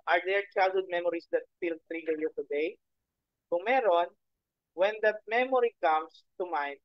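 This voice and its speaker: A man's voice: high-pitched, dry recording, lo-fi sound. A man preaching a sermon in mixed Tagalog and English, asking the audience rhetorical questions and checking in with "okay?". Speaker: pastor.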